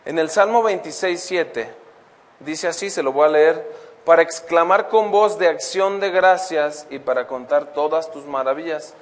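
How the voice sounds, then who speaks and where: A man teaching a Bible lesson as a preacher. He reads verses slowly and keeps asking the congregation questions. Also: on the high side. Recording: long hall reverb.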